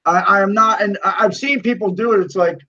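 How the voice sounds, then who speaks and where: A man co-hosting a casual podcast chat, animated and given to swearing rants. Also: sits high, brisk. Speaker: podcast co-host. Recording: dull lo-fi sound.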